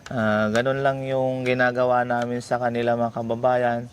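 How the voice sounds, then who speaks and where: A man hosting a vlog, gently asking question after question. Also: medium pitch, level tone, moderate pace. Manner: gentle, repetitive coaxing questions. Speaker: vlogger host. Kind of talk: casual vlog chat, coaxing questions. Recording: noisy background.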